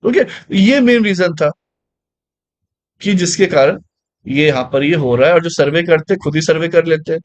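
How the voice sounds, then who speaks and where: A man's voice: fairly high pitch, highs cut off. A man teaching a current affairs lesson in a conversational way, asking listeners rhetorical questions and mixing English phrases into his speech. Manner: mixes English phrases into Hindi; reads English lines slowly. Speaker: exam coaching teacher.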